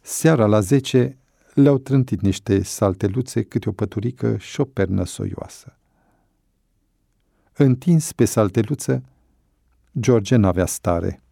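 A man narrating a novel as an audiobook, in a measured, unhurried storytelling manner. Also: fairly low pitch, gravelly, dark tone, dry recording, studio quality.

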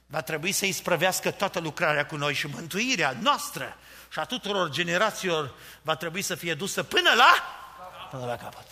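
Fervent preacher man, gravelly and bright. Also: on the high side, expressive, long reverb tail. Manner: fervent preaching, rising to shouts. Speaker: pastor. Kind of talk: sermon.

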